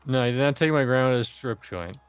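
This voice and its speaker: A man hosting a casual gaming stream chat, talking in a deadpan, droll way. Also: medium pitch, quick pace, clear, resonant tone. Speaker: streamer and host.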